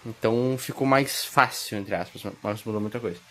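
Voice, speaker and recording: A man's voice: fairly low pitch, moderate pace, pushed and bright. A man gives a casual spoken grammar lesson recorded on a phone. He rambles, corrects himself and keeps checking in with his listeners. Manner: rambling, self-correcting, with frequent "tá?" check-ins. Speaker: self-taught grammar tutor.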